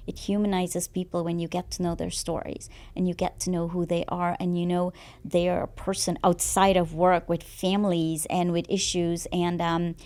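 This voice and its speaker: A woman hosts a podcast interview with a somewhat low voice. She asks her questions casually and affirmingly, sometimes restarting mid-sentence. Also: mellow. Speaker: podcast host.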